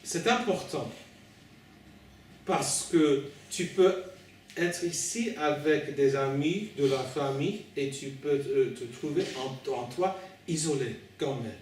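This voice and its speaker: A male preacher with a foreign accent in French speaks from some way off in a very reverberant room. His delivery is slow and halting, with hesitations and repeated words, as he gives an informal, pastoral sermon straight to his listeners. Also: a little high, a little mellow. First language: not French. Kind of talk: informal sermon at an evening meeting. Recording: very echoey room, distant mic, faint noise.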